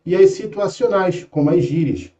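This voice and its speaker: A man's voice: sits high, normal speed, mellow, echoey room, muffled recording. A young man with a Rio de Janeiro accent teaching an exam-prep lesson in a casual, patient way, often checking in with his students. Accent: Rio de Janeiro Brazilian Portuguese.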